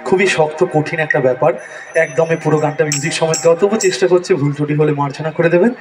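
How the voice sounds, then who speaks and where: A man's voice: a little high, fairly even intonation, fast talker. A man speaking as a music school presenter, giving a modest, informal introduction to a stage performance. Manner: modest, apologetic. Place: public carnival stage. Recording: distant stage PA, music behind.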